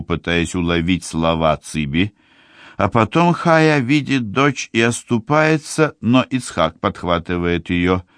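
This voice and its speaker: Male audiobook reader, deep-ish voice, steady and measured, dry studio sound. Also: no echo. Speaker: audiobook narrator. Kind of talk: scripted narration.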